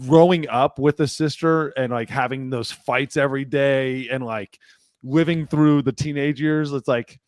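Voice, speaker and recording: A man co-hosting a sports podcast who chats in a relaxed, halting way with lots of fillers. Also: medium pitch, no room sound. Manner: relaxed, hesitant, filler-heavy chat. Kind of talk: casual sports talk.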